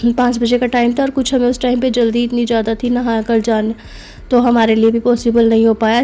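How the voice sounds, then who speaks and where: On the high side yet dark in tone, a young woman's voice narrates a family vlog. She's chatty, and fillers such as "na" and "matlab" turn up often.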